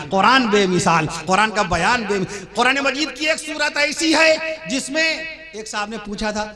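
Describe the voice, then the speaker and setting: A man preaching a sermon at a religious gathering, rousing and repetitive, calling on the crowd to respond. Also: high-pitched. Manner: rousing, calls for crowd responses, repeats phrases. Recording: loud crowd behind.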